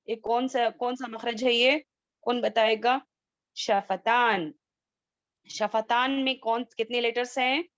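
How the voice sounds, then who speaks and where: A woman teaching Quran recitation in an online class, asking students questions and slowly drilling sounds. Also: a little high, a bit bright, no room sound. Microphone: video call. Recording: dull lo-fi video call audio.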